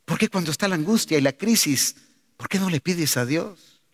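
Preaching man, booming hall echo. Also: expressive, moderate pace. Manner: preaching with rising, emphatic calls and rhetorical questions. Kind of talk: sermon. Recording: long hall reverb.

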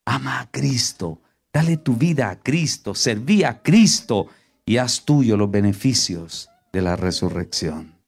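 A male preacher delivers a sermon, peppering his congregation with rhetorical questions and swinging between loud, emphatic lines and hushed, low ones. He's animated but a little slow, with a gravelly, husky voice.

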